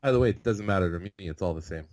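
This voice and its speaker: A podcast host in his thirties from California conducts a casual interview over a video call, rambling in a relaxed way with lots of fillers. His voice sits low and he talks rapid-fire.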